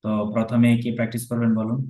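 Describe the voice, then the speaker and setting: A man teaching a Sanskrit pronunciation lesson, slowly repeating words and often asking his students whether they follow. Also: medium pitch, monotone, mellow, reverberant, rough recording. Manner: drills words slowly, repeating them, asks checking questions.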